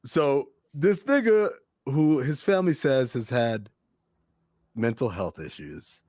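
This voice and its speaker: A man's voice: mid-range voice, expressive, slow, a little mellow, no room sound. Profane podcast guy telling a wild story, voice jumps around a lot, dry sound. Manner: loose storytelling, laughs often, profane. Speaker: podcast co-host. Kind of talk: casual chat.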